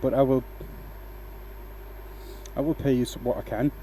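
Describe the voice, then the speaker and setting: Talking through his work on a woodturning live stream, a host from Denmark keeps it relaxed and casual, often tossing in "right?". He has a light Danish accent blended mostly from English accents he picked up online. His voice is medium pitched at normal speed, and the low-quality audio has a little hiss or hum.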